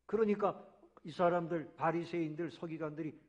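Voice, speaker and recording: A man preaching a sermon as pastor, swinging between loud emphatic swells and soft low drops, sometimes acting out voices in his story. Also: moderate pace, muffled recording. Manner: acts out dialogue voices of the sons and father.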